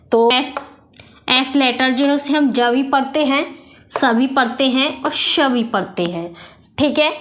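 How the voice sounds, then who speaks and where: A woman teaching English pronunciation with a Hindi accent, patiently explaining rules and repeating questions to the class. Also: sits high.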